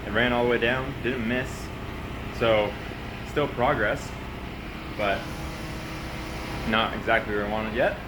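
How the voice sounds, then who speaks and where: A man's voice: fairly low pitch, fairly even intonation, unhurried, pauses often. A man giving a casual, matter-of-fact vlog update in a hesitant way. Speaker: truck puller. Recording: clear vehicle and air noise behind.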